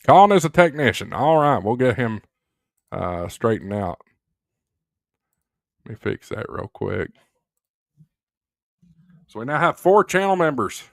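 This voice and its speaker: A man's voice: mid-range voice, very animated, a little slow, gravelly, long pauses, no room sound, clean studio sound. A man hosting a casual live stream, chatting loosely with many fillers and reading viewer comments aloud.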